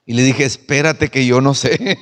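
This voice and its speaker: Animated pastor, reverberant room. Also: male voice, medium pitch, takes it slowly. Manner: animated storytelling, acting out dialogue. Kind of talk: church panel talk.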